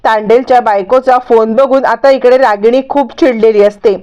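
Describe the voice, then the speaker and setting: A woman's voice: on the high side, steady tone, moderate pace, warm tone, clear, resonant tone. A woman narrating a TV serial recap in a storytelling way, linking scenes with repeated phrases, on a dull lo-fi recording.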